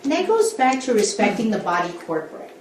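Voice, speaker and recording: A woman on a school board speaks candidly as she coaches colleagues through a group workshop in a meeting room. Her voice is slightly high and a little mellow, with big pitch swings and a quick pace. The room is echoey, the mic distant, and there's some slight background noise.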